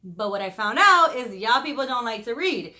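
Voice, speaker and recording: A woman of about thirty talking to camera in a casual vlog, openly expressive and chatty, speaking of her faith. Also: on the high side, normal speed. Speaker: vlogger.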